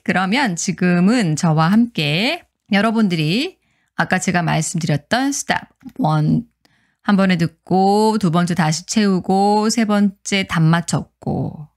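A woman teaching an English pronunciation lesson, explaining in Korean and reading English lines slowly. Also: medium pitch, expressive.

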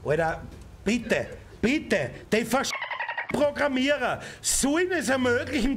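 Brief: young Austrian gaming streamer, high voice, angry outbursts at traffic, faint hiss in the room. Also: male voice, gravelly. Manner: swears and shouts at other drivers. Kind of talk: let's play commentary. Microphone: desk mic with headset.

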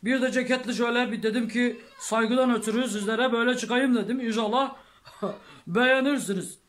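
A man's voice: very high voice, brisk, a bit bright. A man telling a rambling army story to his viewers, peppered with oaths and chuckles. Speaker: vlogger. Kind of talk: casual storytelling to camera.

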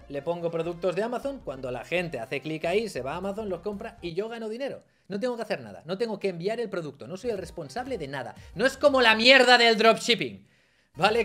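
Excitable man, swings loud and soft. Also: high voice. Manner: theatrical, swears freely, big swings between shouting and mumbling. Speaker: online marketing youtuber. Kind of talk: energetic explainer vlog.

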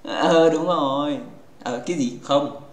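A man's voice: on the high side, takes it slowly. A man hosting a gaming livestream in casual chat, playful and teasing with his viewers, rambling and restarting his sentences. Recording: echoey room.

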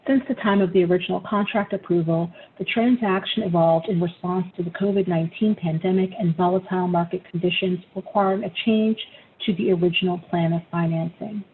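A woman presenting an agenda item over a teleconference line in a steady, businesslike way. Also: fairly low pitch. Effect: heard over a teleconference line. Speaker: staff presenter. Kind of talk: formal scripted presentation. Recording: tinny phone-line sound, faint noise.

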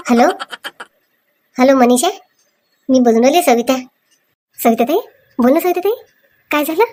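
A woman acting in a comic village sketch, talking briskly and scolding. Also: high voice, mellow.

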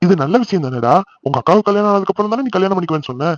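A man voicing a gentle, reassuring cartoon dad. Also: high voice, expressive, racing, dry recording, dull audio. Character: middle-aged father, calm and soothing. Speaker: father in a family cartoon. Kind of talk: cartoon voice acting.

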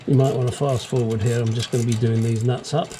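A fast-talking man with a flat, mid-range voice works under a car in his home garage, casually narrating each step. He swears now and then and cracks crude jokes; a small action camera records him amid background noise.

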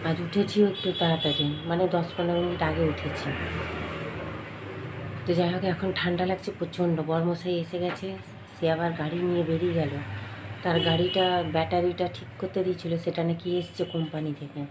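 A middle-aged woman chatting casually to her viewers at home, rambling about her day, with a cold and a slightly hoarse throat. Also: fairly low pitch, flat delivery, brisk, noisy background. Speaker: vlogger. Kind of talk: casual daily-life vlog chat.

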